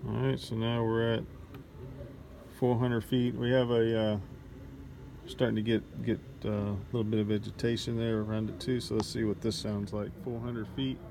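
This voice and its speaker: Out in a neighborhood at night, the same kind of drone-gear vlogger records on his handheld phone, casually talking through a field test as he goes. His voice is low and creaky, flat, at a moderate pace, with outdoor ambience and passing cars behind him.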